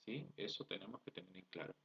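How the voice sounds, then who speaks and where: A man's voice: low voice, fast, creaky. A man with a Peruvian accent teaching a class, explaining step by step, asking rhetorical questions and checking in with his students. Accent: Peruvian Spanish. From Peru. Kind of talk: recorded online class lecture. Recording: dull lo-fi recording.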